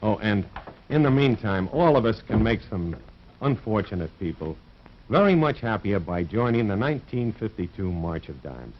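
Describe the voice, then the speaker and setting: A man's voice: on the low side, big pitch swings, moderate pace. An American man playing a wry, cool-headed private detective in a 1950s crime drama. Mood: wry, friendly. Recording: dull vintage broadcast sound.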